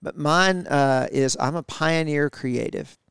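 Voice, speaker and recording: A middle-aged man co-hosts a podcast, talking reflectively with his wife in a casual conversation full of fillers and restarts. His voice is on the high side, slow, a bit bright, and smooth, captured in a dry, studio-quality recording.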